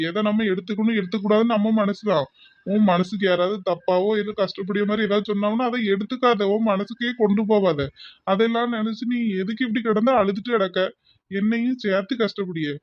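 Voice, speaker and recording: A man voices a grieving old husband in a cartoon, pleading with his wife and gently scolding her over and over. His voice is high and quick. The recording is dull and lo-fi, with a dry sound. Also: fairly even intonation, no room sound, close to an everyday voice. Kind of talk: cartoon voice acting.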